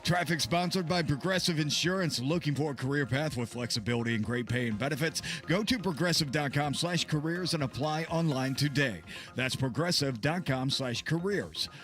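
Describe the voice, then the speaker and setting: A man's voice: fairly high pitch, moderate pace, a bit bright. A man delivering a radio traffic report, rattling off roads and blockages in clipped phrases. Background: music bed.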